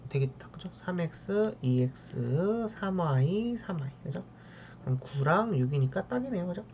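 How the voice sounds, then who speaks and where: A woman's voice: lowish voice, animated, normal speed, warm tone. A woman math teacher working through problems, checking in with a tag question after each step and talking to the terms as if addressing them. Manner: mutters sighs of tedium while working. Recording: dull lo-fi sound with faint ambient noise.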